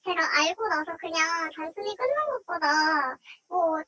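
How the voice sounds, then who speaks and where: Very high, bright young woman. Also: expressive, unhurried, low-quality recording. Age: 20s. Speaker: witness who reported a scam. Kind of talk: interview account.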